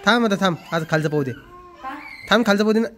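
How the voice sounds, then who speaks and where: A man's voice: high voice, fast, fairly bright tone. A man hosting a casual family vlog, chatting with relatives and teasing the children in a playful, talkative way. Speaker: family vlogger.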